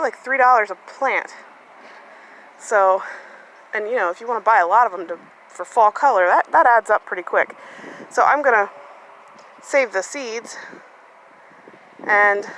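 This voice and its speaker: Her voice runs on the high side and sounds a bit bright, captured in a low-quality recording with a little hiss or hum. She's a gardening vlogger giving a casual, filler-heavy walk-through of her sunny garden on a handheld phone.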